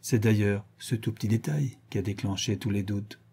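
A man reading an audiobook, voicing a stern, shrewd woman who questions her servants in a measured, deliberate way. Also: lowish voice, fairly even intonation, gravelly, a little mellow, husky. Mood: cold.

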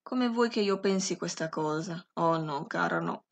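A woman's voice: on the low side, unhurried, lightly acted. A woman reading the part of a young husband in grief, speaking through sobs in an audiobook. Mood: grief-stricken. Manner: sobbing, broken delivery. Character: grieving young husband, tender and shaken.

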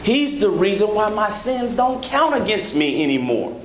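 A man in his thirties preaching a sermon from a church pulpit on a handheld microphone, rhythmic, rising to emphatic high peaks, with joking asides to the congregation. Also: very animated, normal speed, crowd noise. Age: 30s. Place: large church sanctuary, at a pulpit. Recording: echoey church hall with background noise.

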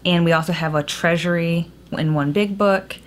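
A young woman with a fairly low voice talks at normal speed, chatting casually about a book haul for her vlog. She's in a small room at home with a cave-like echo and clear background noise.

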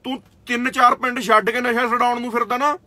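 A man's voice: very high-pitched, flat delivery, fast talker, pushed and bright, no echo. A young man with an Indian Punjabi accent, a kabaddi player, scolding his critics in a confrontational rant that repeats "theek aa". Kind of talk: angry direct-to-camera rant.

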